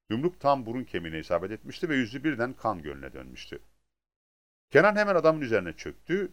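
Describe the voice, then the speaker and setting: A man reading a crime novel aloud as scripted narration, in a dramatic, expressive way. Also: fairly low pitch. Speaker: audiobook narrator.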